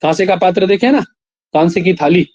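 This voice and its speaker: Male lecturer, higher mellow voice, dry and muffled; recites slowly, explains, quizzes the room. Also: dry recording. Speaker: Sanskrit teacher. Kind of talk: classroom lecture.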